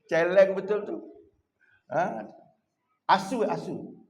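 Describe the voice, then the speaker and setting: A man with a Malaysian Malay accent giving a jokey, animated evening lecture in a mosque, often addressing the congregation directly. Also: high-pitched, slow pace, gravelly. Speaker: preacher. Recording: echoey mosque hall.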